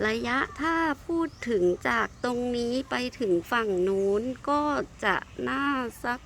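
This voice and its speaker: A woman with a fairly high voice co-hosts a casual product demonstration. She is recorded outdoors, with clear ambient noise behind her. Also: a bit bright. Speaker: co-host of a product test. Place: outdoors by a lake.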